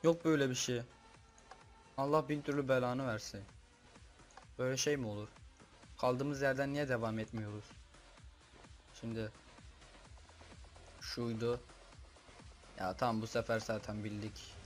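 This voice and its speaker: A man's voice: medium pitch, steady tone, a little slow, pauses often, soft background music. A young man giving casual gaming commentary, muttering to himself as he works through a puzzle and breaking into frustrated outbursts. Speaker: gaming YouTuber. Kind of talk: casual Minecraft gameplay commentary.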